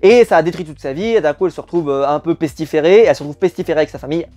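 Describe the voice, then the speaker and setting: A man's voice: a little high, rapid-fire, dark tone. A young man reviewing a TV series in casual talk, rambling with many fillers and repeated words. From France.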